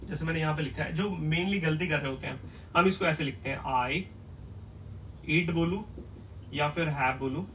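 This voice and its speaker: A man teaching an English lesson at a whiteboard, explaining step by step and often checking whether it is clear. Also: on the high side, normal speed, long pauses, a bit bright, recorded from a distance, a little hiss or hum, low-quality recording.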